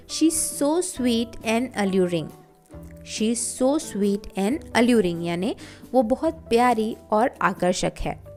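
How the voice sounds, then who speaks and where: A woman with an Indian accent teaching English vocabulary, reading each example sentence slowly and clearly, then explaining it in Hindi. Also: mid-range voice, darkish tone.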